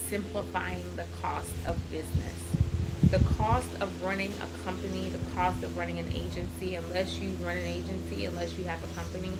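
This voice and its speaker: Chatty woman vlogging outdoors, birds loud. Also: on the low side. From United States, Trinidadian parents. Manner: chatty, earnest, addresses viewers as y'all. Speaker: vlogger and workshop host. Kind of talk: casual motivational vlog. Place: outdoor balcony at dusk. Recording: outdoor phone video with loud ambient noise. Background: birds chirping and kids playing.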